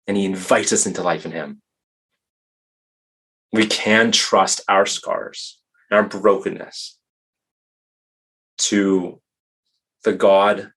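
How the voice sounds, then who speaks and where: A man giving a talk, mixing slow, emphatic statements with quick, casual asides and stories. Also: lowish voice, fairly bright tone. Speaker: speaker. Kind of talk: lecture-style talk.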